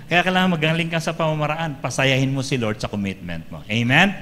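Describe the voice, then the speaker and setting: A man preaching as a pastor, lively and joking, often calling out to the congregation for an "Amen.". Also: mid-range voice, normal speed, big-room sound, slight background noise. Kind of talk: sermon. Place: church hall.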